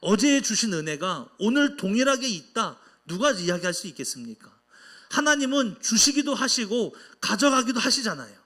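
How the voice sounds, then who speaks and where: Animated, high-voiced male preacher. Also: normal speed. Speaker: pastor. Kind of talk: sermon.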